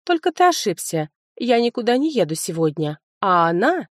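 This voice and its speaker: A woman's voice: medium pitch, big pitch swings, normal speed, no echo, studio quality. Woman putting on a purring, spiteful cousin. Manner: purring, hissing, sing-song.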